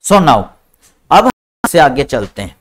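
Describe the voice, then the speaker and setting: A man's voice: medium pitch, big pitch swings, measured pace, slight background noise. A man teaching a biology class online in Hindi mixed with English with an Indian English accent, calling students "beta" and stretching out key terms as he dictates.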